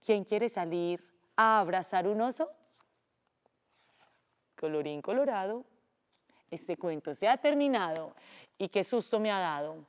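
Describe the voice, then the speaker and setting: A woman's voice: medium pitch, lively intonation, a little slow, pauses often, clear, resonant tone. A woman teacher telling a children's story in a playful, sing-song way, acting out the sound effects.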